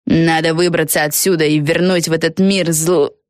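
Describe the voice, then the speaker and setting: A woman puts on a proud, hot-tempered young witch in a storybook reading. She hisses and snaps in a low voice, recorded dry and close. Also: steady tone, moderate pace, dry recording, close to an everyday voice. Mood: fired up. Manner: hissing and snappish. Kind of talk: audiobook character voice.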